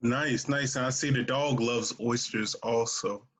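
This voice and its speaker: Man, podcast host, casual, jokey, video call, mid-pitched voice. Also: steady tone, fairly bright tone. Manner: laid-back, joking, halting questions. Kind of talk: casual interview chat.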